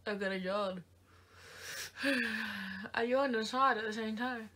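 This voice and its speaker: Woman vlogger, casual and teasing, slightly high, bright edgy tone. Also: fairly even intonation, slow pace. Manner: playful, teasing, sing-song cooing sounds. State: short of breath near the end. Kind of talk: casual chatty vlog.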